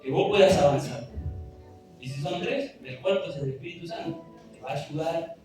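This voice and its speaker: A man's voice: fairly high pitch, normal speed. A man preaching a sermon, reading scripture aloud in an earnest, pleading way. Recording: echoey room, distant mic, music behind.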